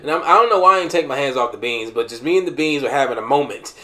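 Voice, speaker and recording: A man's voice: mid-range voice, very fast, sharp tone. A man in his thirties, hosting a show and telling a personal testimony with humor and emotional swings. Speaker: podcast host sharing a testimony.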